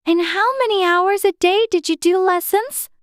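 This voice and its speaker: Very high, prim little girl. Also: normal speed, no room sound, studio quality. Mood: curious, eager. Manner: eager, questioning, prim. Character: curious, polite, indignant little English girl Alice. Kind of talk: dramatized storybook narration.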